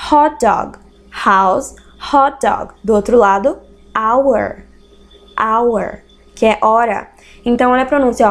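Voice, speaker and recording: A woman from Brazil teaching an online English lesson, slowly repeating each English word with care. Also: a little high. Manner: slow, careful repetition of English words.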